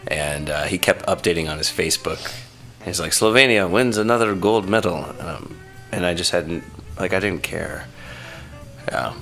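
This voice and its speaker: Man, very low voice, gravelly, rambling, self-mocking, studio podcast. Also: fairly even intonation, moderate pace, bright, forceful tone, faint music behind. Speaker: podcast co-host. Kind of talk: casual chat. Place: radio studio.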